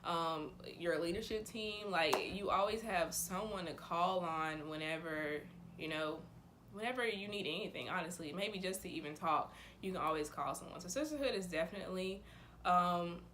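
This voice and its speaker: A woman's voice: on the low side, moderate pace, a bit bright, slight background noise. A woman in her twenties chatting casually to camera in a bubbly, enthusiastic sorority-girl manner. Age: 20s. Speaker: vlogger, sorority member.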